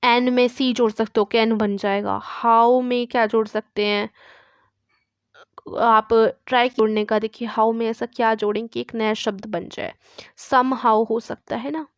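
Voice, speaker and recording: A woman's voice: a little high, steady tone, measured pace, clear, resonant tone, no room sound, studio quality. Patient Indian woman teaching English. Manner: patient, repeats "ठीक है" after each point. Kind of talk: online language lesson.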